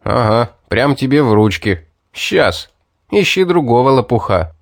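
A man's voice: mid-range voice, very animated, unhurried, gravelly, no echo, studio quality, exaggerated voice. A man reading the lines of a wary, sarcastic young mercenary in a fantasy audiobook. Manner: sarcastic and curt.

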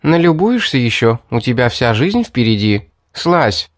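A man's voice: medium pitch, big pitch swings, a little slow, dry recording, studio quality. A man voicing a scheming young woman from a fantasy audiobook who coaxes, mocks and threatens. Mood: coaxing. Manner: mocking, coaxing and threatening. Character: scheming young woman, sweetly coaxing and cold.

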